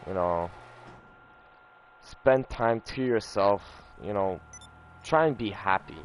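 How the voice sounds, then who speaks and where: Telling a personal story over gameplay, a young gaming streamer rambles casually, swears often, repeats himself, and fills gaps with "you know" and "like." He speaks slowly in a fairly low pitch, with slight background noise.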